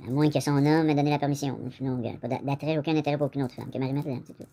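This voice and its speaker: This man talks at a racing pace in a warm, medium-pitched voice with fairly even intonation and a Québécois French accent. His casual vlog monologue meanders, speaks straight to the viewer, and leans on the filler "là." Slight background noise is audible.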